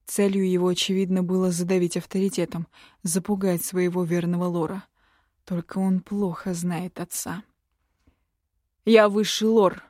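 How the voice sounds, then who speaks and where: A woman narrating a fantasy audiobook in the first person, slow and even. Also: lowish voice, no echo, studio quality.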